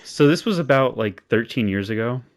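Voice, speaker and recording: A man's voice: medium pitch, animated, moderate pace. Laid-back young man hosting a podcast. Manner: laughs often, many fillers. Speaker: podcast host. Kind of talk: casual chat.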